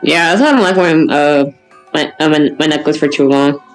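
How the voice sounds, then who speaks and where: A woman's voice: low voice, brisk, soft background music, poor audio. A woman joining a game stream, chatting casually with offhand jokes. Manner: offhand, joking. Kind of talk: casual live-stream chat.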